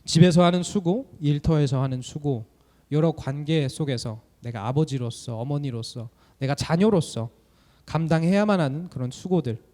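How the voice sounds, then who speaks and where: A young man preaching a sermon as a student minister, animated and full of rhetorical questions. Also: a little high, normal speed.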